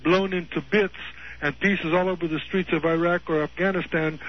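A regular voice on a call-in radio show, he needles callers with combative sarcasm. His voice sits slightly high. The sound is dull and lo-fi, like an old radio broadcast. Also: fairly even intonation, moderate pace.

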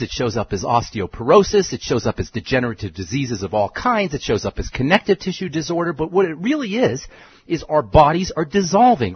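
Male radio health host, emphatic and lecturing, lively pitch, husky edge, dry muffled sound. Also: no echo. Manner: emphatic, lecturing, repeats key phrases. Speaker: radio show host, pharmacist. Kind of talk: call-in health radio talk.

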